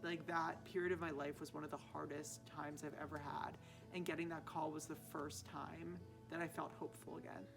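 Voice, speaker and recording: Young woman, low voice, sincere and reflective interview talk. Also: flat delivery, a little fast, vocal fry. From Maryland. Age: young adult. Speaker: directing student. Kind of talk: casual interview. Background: background music.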